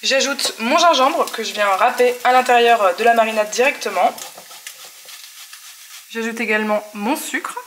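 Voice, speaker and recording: A woman's voice: fairly high pitch, moderate pace, long pauses, a bit bright. A woman hosting a cooking channel, narrating a recipe in a friendly, explanatory way and giving tips. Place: home kitchen. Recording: roomy echo, faint noise.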